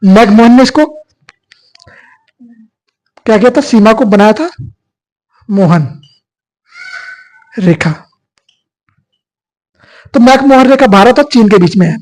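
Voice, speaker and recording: Speaking in a very high-pitched, darkish voice on a rough recording, a man teaches an exam prep lecture. His delivery is repetitive call-and-response: he asks questions, then answers them himself.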